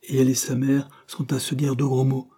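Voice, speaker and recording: A man voicing an embittered, worn-out male laborer who complains loudly and resentfully. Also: mid-range voice, completely flat delivery, fairly quick, slightly rough, pitched above the performer's own voice, lightly acted. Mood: resentful complaint. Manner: aggrieved and loud.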